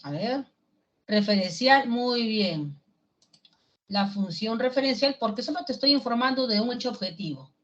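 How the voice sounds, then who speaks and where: A woman's voice: on the high side, expressive, highs cut off. A woman with a Peruvian accent teaching a language class, walking students through each example with questions. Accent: Peruvian Spanish. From Peru. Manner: slow, explains step by step with questions to the class.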